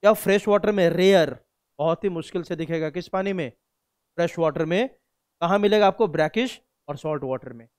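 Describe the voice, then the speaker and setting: A man's voice: fairly high pitch, brisk, darkish tone, no room sound, studio quality. A male biology teacher, lecturing a class in a conversational way, asking questions and answering them himself and often checking that students follow. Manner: asks and answers own questions; frequent checks like "samjhe".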